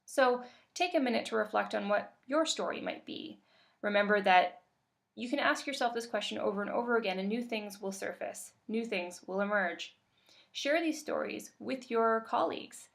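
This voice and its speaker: A woman from Canada giving a webinar presentation as a workshop facilitator, calm and measured with occasional fillers. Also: on the high side, vocal fry.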